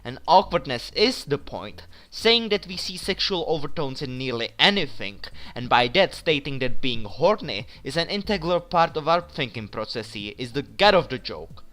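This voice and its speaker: A man's voice: medium pitch, very animated, normal speed, few pauses, a bit bright. A man narrating a comedic anime review in a sarcastic, crude, mock-dramatic way.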